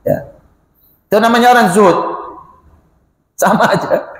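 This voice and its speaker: A man's voice: sits high, measured pace. A man preaching a casual, chatty mosque sermon. He keeps addressing the listeners as "sir" and acts out the voices of the people he quotes. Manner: chatty, often ends phrases with "Pak", acts out quoted voices. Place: mosque hall. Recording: echoey mosque hall.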